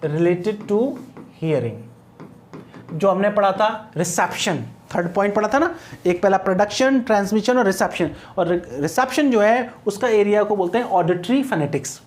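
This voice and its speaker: A man's voice: sits high, fairly quick. A man with an Indian English accent teaches phonetics to exam candidates. He explains step by step and repeats key points, and he keeps stopping to ask whether the class is following. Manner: explains patiently with checking asides and repetition. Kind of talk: exam-prep lecture in Hindi mixed with English.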